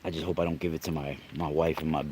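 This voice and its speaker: A young adult man hosts a livestream as a spiritual reader, chatting casually, rambling, restarting often and greeting chat viewers. He's congested with a cold and coughing, giving his voice a slightly nasal quality. It rumbles low with little pitch movement, he talks fast, the tone is darkish, and there's slight background noise.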